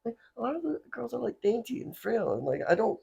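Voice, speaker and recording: A man from Florida hosting a casual podcast chat, animated and laughing, with lots of filler words. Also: very high voice, fast talker, gravelly, husky. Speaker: podcast host.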